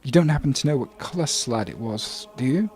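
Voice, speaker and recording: A man's voice: medium pitch, expressive, darkish tone, husky. A man voicing a nervous, bookish priest in a tabletop game, who stammers and worries aloud. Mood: alarmed. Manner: anxious, halting, stammering. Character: fretful bookish male temple priest.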